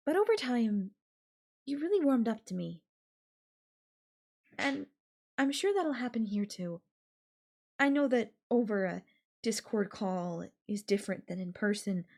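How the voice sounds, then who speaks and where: A woman with a mid-range, darkish voice plays an obsessive, possessive girlfriend in an intimate audio roleplay. She sounds sweet and coaxing, yet menacing, with lingering pauses.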